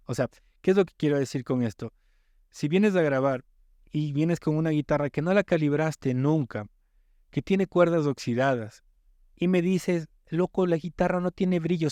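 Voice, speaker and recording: On a laid-back podcast, a producer from coastal Ecuador explains his points emphatically, often doubling up words at the start. The voice is on the high side and warm, with a dry, clean studio sound.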